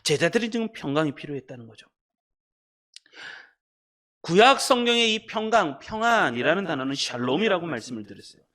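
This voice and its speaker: A male pastor preaching a sermon in a church, moving between soft, hushed asides and loud, drawn-out reading of scripture as he leads the congregation. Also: on the high side, lively intonation. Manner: addresses the congregation directly, leads group reading. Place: church sanctuary.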